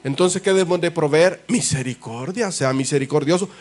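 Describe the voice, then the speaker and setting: A pastor preaches in a church with a somewhat high voice. He presses his points with emphatic rhetorical questions, calling out to his listeners as brothers. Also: normal speed, darkish tone. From El Salvador. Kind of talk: sermon.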